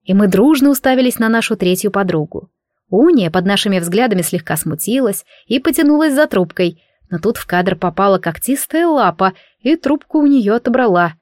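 A woman narrating a first-person audiobook with a lively, expressive reading. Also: mid-range voice, fairly quick, dry recording.

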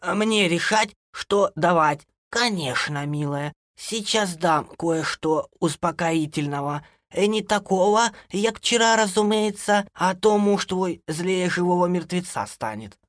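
A man reading an audiobook, voicing a bossy old grandmother who scolds in a loud, folksy way. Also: sits high, animated, slow, few pauses, no echo, clean studio sound, pitched above the performer's own voice, exaggerated voice. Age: older. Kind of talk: audiobook character voice.

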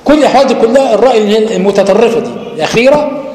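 A man's voice: high-pitched, lively intonation, very fast. A man with an Egyptian accent, a sheikh giving a spoken lecture on recitation rules, explaining step by step and asking and answering his own questions. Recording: echoey hall with faint noise.

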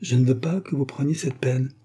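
A man's voice: mid-range voice, brisk, dark tone, breathy edge, pitched above the performer's own voice, natural voice. A man voicing a scheming baron who poses as an old priest, with a quavering voice and feigned grief.

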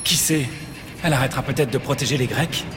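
A woman's voice: very deep voice, quick pace, over music, voice pushed down. A woman voicing a proud warrior prince in a children's radio drama, scolding with contempt. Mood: worried.

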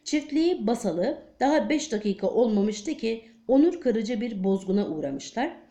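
A woman narrating an audiobook in a steady, measured storytelling manner. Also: fairly high pitch. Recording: echoey room.

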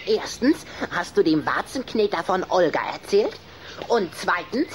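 A woman's voice: lowish voice, sing-song, measured pace, slight background noise. A woman playing a touchy, hot-tempered, sly little boy vampire in a German children's radio play, theatrical and scornful. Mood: indignant.

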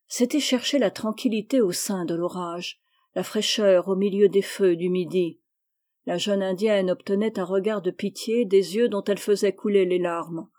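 A woman reading a classic novel aloud in a measured, unhurried way. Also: medium pitch, dark tone. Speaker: audiobook reader. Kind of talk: scripted literary narration.

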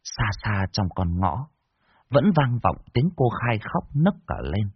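A man narrating a horror story in a dramatic, expressive way. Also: on the low side, a little slow, breathy edge, no echo, muffled recording.

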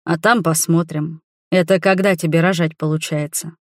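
A woman reading the lines of a gentle, calm adult husband in a storybook. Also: low voice, no room sound, clean studio sound, close to an everyday voice. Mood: calm tender. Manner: calm, tender, slow.

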